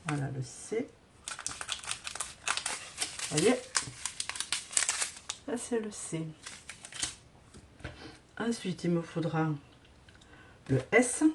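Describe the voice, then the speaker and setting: A woman's voice: on the low side, animated, drawn-out words, long pauses, heavy background noise. A woman hosting a casual craft tutorial who hesitates often with fillers while she sorts beads and talks to viewers.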